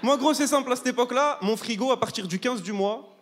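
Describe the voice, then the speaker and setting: Fast-talking young male stand-up comic, reverberant hall. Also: extremely high pitch, background noise. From southern France. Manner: brash, chatty, teasing the crowd. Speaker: stand-up comedian. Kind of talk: stand-up comedy set. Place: large live comedy hall, audience of 800. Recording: live hall with reverb and faint ambience.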